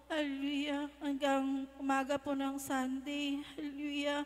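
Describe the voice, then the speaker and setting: High flat-voiced woman giving testimony. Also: soft background music. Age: young adult. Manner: frequent hallelujahs, polite and halting. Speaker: church member giving testimony. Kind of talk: religious testimony. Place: church hall. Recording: long hall reverb.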